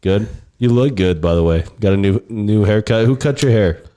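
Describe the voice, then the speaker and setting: Low-voiced American man hosting a podcast. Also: normal speed, dark tone. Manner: profane, bantering. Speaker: podcast host. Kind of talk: casual podcast chat.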